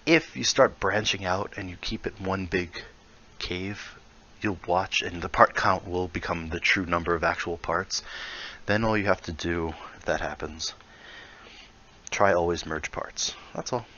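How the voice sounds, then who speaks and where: A deep-voiced man, unhurried and steady, uses a pushed, bright tone as he casually explains how he builds in VR, muttering small asides and thinking aloud. The VR tutorial creator's recording sounds muffled, with a little hiss or hum.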